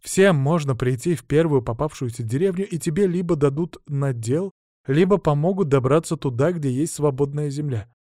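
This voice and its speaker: A man's voice: on the high side, moderate pace, warm tone, no room sound, studio quality, lightly acted. A man voicing a proud, stern woman who is a battle priestess, lecturing righteously in an audiobook. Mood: sorrowful.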